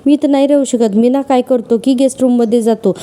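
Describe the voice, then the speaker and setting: A woman's voice: sits high, steady tone, fast talker, warm tone, close to an everyday voice. A woman voicing a distraught young man who apologizes tearfully to his mother while retelling a TV serial. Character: distraught young man, grieving a lost love.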